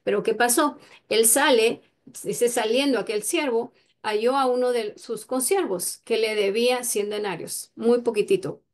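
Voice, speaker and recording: A woman's voice: on the high side, normal speed. A woman giving an informal Bible teaching in a conversational way, often checking in with her listeners. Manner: conversational, many fillers and "verdad?" tags.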